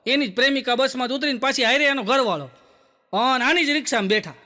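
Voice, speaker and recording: A man telling stand-up jokes as a chatty storyteller, acting out quick bits of dialogue. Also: extremely high pitch, sharp tone. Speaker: stand-up comedian. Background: audience laughter.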